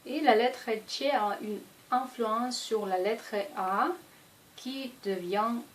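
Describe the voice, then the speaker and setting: A woman teaching a language lesson, speaking slowly and deliberately and repeating each example word. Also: fairly high pitch, rough recording.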